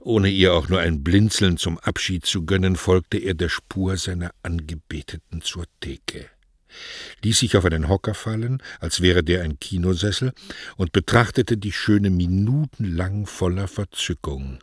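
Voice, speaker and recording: A man reading a novel aloud in lively, expressive storytelling narration. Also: deep voice, unhurried, dry recording, clean studio sound. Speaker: reader. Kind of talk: audiobook narration.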